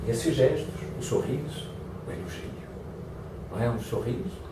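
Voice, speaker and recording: Heavy background noise surrounds a man with a mid-range voice speaking at normal speed in a motivational lecture. He's lively and acts out example phrases in different tones, and the recording is distant and echoey, from a hall.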